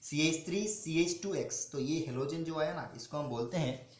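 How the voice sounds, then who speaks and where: A male chemistry teacher explaining step by step, asking questions, answering them himself and slowing down to spell out formulas. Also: a little high. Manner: repeats questions and answers them himself, calls students "beta". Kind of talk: classroom-style teaching. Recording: echoey room with faint noise.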